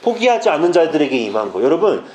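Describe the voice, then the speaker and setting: Animated young-sounding male preacher, echoey church. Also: on the high side, rapid-fire. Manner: urgent, direct exhortation with playful asides. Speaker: junior pastor. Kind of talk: youth sermon. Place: church sanctuary.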